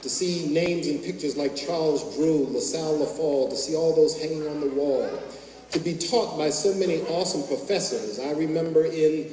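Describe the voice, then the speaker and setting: A man's voice: fairly high pitch, normal speed, dark tone. A middle-aged man, a doctor, giving a graduation speech with anecdotal, self-mocking humor. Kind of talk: ceremony speech, storytelling. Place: large hall. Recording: echoey hall from far off, faint hum.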